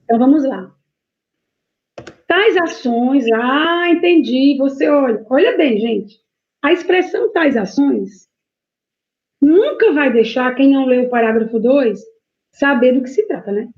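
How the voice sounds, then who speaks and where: A woman's voice: sits high, lively intonation, normal speed, lo-fi sound. A woman with a Brazilian Portuguese accent teaching a live online essay-writing lesson, explaining step by step, dictating punctuation aloud and often checking in with her students.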